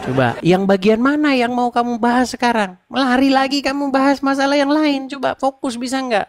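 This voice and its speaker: A man's voice: very high voice, steady tone, a little fast, a little hiss or hum. A man hosting a heated live debate, taunting his opponent in a mocking tone. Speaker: channel host.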